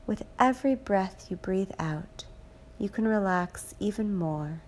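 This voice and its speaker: Slow, soothing woman guiding relaxation. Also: medium pitch. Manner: slow, soothing, repetitive, drifts into soft whispers. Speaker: relaxation guide. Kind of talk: guided hypnosis relaxation script.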